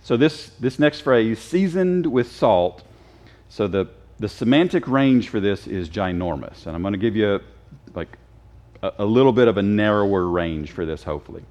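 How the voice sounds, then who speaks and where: A man teaches a Sunday school lesson in a church classroom. His fairly low voice swings widely in pitch as he jokes and quizzes his class in a casual, animated way. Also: moderate pace. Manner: lively, joking, quizzes the class.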